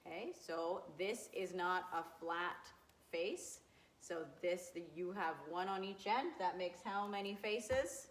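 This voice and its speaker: A woman with a fairly low voice teaches a grade two math lesson to young children at a slow pace. She is gentle and encouraging, asking questions and then answering them herself.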